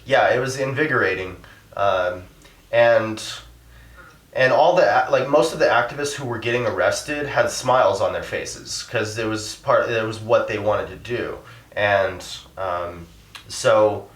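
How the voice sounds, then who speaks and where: A man being interviewed, talking haltingly with many fillers, getting choked up as his voice climbs when he is upset. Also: fairly low pitch, a bit bright, echoey room, distant mic. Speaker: interviewee, animal rights activist. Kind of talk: emotional interview.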